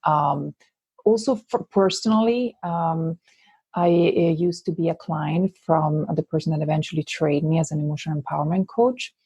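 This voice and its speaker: A woman's voice: deep voice, normal speed, creaky, dark tone, husky, dry recording. A woman from Switzerland with a Swiss Italian accent, a guest coach in an interview, talking thoughtfully with many fillers and restarts. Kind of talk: interview conversation.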